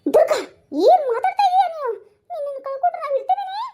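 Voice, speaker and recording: A woman voicing an anxious, loving older mother who pleads in a high, quavering voice. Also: expressive, fast, warm tone, a little hiss or hum. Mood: worried. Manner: high-pitched, pleading and fretful.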